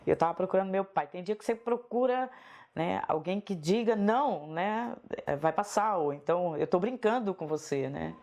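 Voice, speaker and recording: A woman with a Northeastern Brazilian accent, speaking in a slightly low voice. She reminisces at a soft, unhurried pace and keeps checking in with a gentle "né?". She sounds like a writer being interviewed for a documentary. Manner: soft-spoken, unhurried, tags phrases with "né?". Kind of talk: reflective personal reminiscence.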